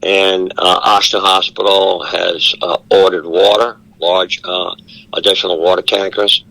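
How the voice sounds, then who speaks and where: A man giving a steady live briefing as an emergency official, with many fillers, heard over a speakerphone held up to a studio microphone. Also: sits low, measured pace, vocal fry, dry recording, low-quality recording. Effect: speakerphone held up to the studio mic. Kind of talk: live radio phone briefing.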